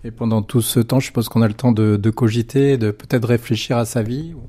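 A man's voice: medium pitch, fairly even intonation, fairly quick, mellow. A man hosting a radio interview program, asking friendly, rambling questions.

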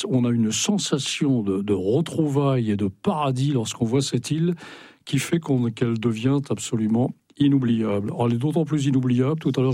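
Mellow-voiced man telling stories in a dry studio. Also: mid-range voice, dry recording. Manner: rambling, storytelling, stumbles on words. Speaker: radio guest, writer and sailor. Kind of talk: radio interview.

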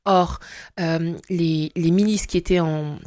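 A woman raised in Congo-Brazzaville, telling her faith testimony as an interview guest, hesitant with many pauses and fillers. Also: fairly low pitch, steady tone, dark tone, no room sound, studio quality.

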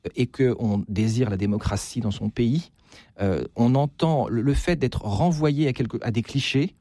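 A man's voice: medium pitch, moderate pace, dark tone, no echo, clean studio sound. A man being interviewed as an author, speaking hesitantly with many restarts and repeated words. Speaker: author, guest. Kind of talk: interview conversation.

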